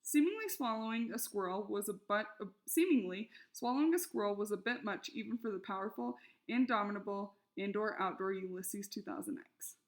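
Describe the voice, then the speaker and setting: A woman reading a children's novel aloud, expressive and lively in the characters' shouted lines. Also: mid-range voice, brisk, hardly any pauses. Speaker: reader.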